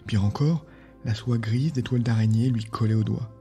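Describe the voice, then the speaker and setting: A male podcast host reading a fantasy novel aloud in a calm, measured narration. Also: medium pitch, soft background music.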